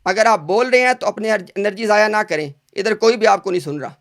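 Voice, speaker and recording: A man's voice: high voice, expressive, gravelly, fairly bright tone. A man in a heated religious debate over a video call, insistent, interrupting and repeating himself.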